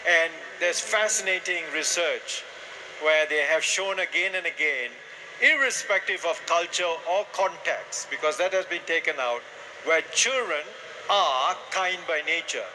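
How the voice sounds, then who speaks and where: Brisk male panel moderator, noisy recording. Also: a little high, sharp tone. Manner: brisk, summarizing guests' answers. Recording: noisy live event recording.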